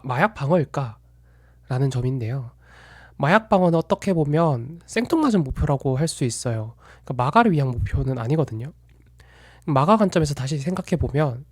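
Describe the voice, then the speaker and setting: Measured man giving market commentary. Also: on the high side, darkish tone, no room sound. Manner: measured, analytical, occasional self-corrections. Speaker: investment commentator. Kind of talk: reflective solo commentary.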